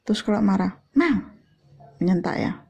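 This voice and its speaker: A woman teaching a Mandarin lesson, explaining and slowly drawing out example sounds. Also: lowish voice, creaky, mellow, breathy edge. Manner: slow, deliberate, drawn-out demonstrations. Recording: dull lo-fi recording.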